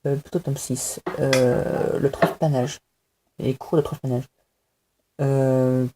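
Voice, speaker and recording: Answering a fan tag from home, a young man chats to camera in a mid-range voice. His delivery is hesitant and self-mocking with many fillers, and there's heavy noise in the background.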